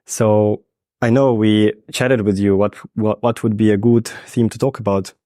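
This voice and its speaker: A man's voice: on the low side, fairly even intonation, moderate pace, warm tone, dry recording, studio quality. A man in his thirties hosting an interview podcast, asking long rambling questions with many fillers. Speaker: podcast host. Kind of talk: casual interview.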